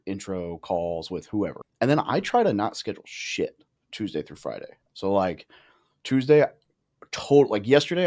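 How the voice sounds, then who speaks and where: Casual low-voiced man with salty asides. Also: darkish tone. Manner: casual, profane, quick asides and restarts. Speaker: podcast guest, real estate investor. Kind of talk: casual conversational interview.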